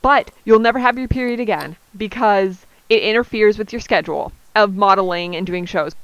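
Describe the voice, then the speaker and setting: A woman's voice: mid-range voice, brisk, clear, resonant tone, dry recording. Woman podcast co-host, playful banter, muffled dry recording. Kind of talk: casual chat.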